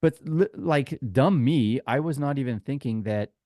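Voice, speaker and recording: An animated speaker with a medium-pitched, mellow voice, this man talks at a measured pace. He co-hosts a casual sports podcast, works as a tour guide, and tells informal, chatty anecdotes while acting out quoted exchanges. Studio quality, no echo.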